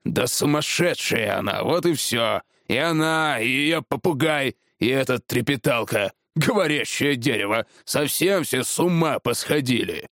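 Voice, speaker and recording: A gruff, hot-tempered woodcutter who barks his complaints, as a male storyteller voices him. The delivery swings widely and is recorded dry and close. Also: mid-range voice, lively intonation, unhurried, few pauses, a bit bright, dry recording. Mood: angry. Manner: barking, blustering.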